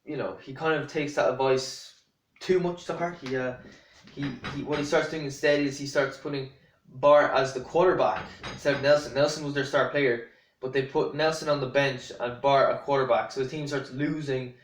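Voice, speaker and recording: A man's voice: mid-range voice, fairly even intonation, moderate pace, echoey room, a little hiss or hum. A man talking casually to camera, rambling and blunt, with many fillers and restarts. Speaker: vlogger.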